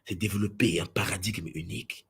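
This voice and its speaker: A man addressing spiritual followers, jumping between booming exclamations and low asides, often acting out other people's voices. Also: steady tone, a little fast, creaky, husky. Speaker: spiritual teacher.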